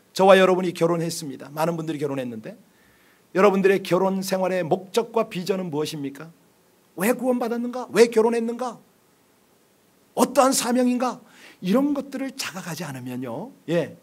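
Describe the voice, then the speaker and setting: A male pastor delivering a sermon in a church, pressing the congregation with repeated rhetorical questions and moving between quiet, low asides and loud emphasis. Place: church sanctuary.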